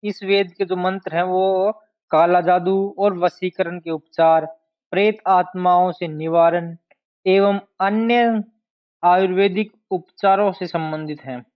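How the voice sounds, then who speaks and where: Male teacher, fairly high voice, exam-prep lecture, drills key terms, dull lo-fi recording. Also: fairly even intonation. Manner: slow, deliberate, repeats key terms to drill them. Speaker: history teacher. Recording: dull lo-fi sound.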